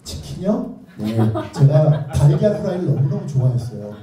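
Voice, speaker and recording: Speaking at a normal pace, this man has a mellow, sing-song voice on the high side. He's a children's author and lecturer telling stories theatrically and quizzing listeners with either-or choices. A far-off microphone picks him up in a heavily echoing lecture hall.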